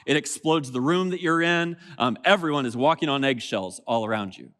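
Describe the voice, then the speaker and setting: A man preaching a sermon as pastor, conversational and animated, acting out little quotes from everyday people. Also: medium pitch, a little fast. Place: church auditorium.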